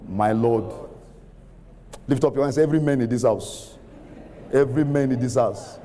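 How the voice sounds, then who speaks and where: A middle-aged man preaching a sermon, using call-and-response, laughing often and rising to shouts. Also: mid-range voice, fairly quick, a little hiss or hum. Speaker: pastor. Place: large church hall with congregation. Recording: reverberant hall, faint room ambience.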